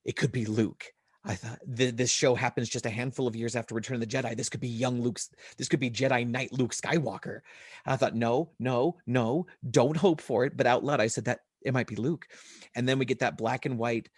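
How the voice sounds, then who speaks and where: A man in his forties chats on a podcast, his voice sitting in a middle register. He tells a story with lively animation and acts out what he was thinking. The recording is dry, with no room sound. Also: medium pitch, a little fast, husky, no echo. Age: 40s. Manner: animated storytelling with quoted inner thoughts. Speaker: podcast co-host. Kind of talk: casual chat.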